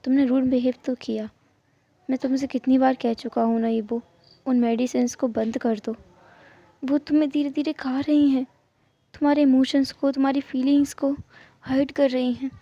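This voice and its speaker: A woman reading a storybook voices a tender young man who speaks softly and reassuringly to his frightened partner. The voice is high with a gravelly crackle. The recording is dull and lo-fi. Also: little pitch movement, moderate pace, dry recording. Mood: earnest. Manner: soft, reassuring. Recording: muffled lo-fi recording.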